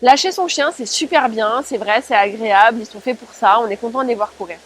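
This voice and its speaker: A woman's voice: a little high, a little fast. A woman giving an informal spoken tutorial as a dog-training presenter, explaining step by step and addressing listeners directly.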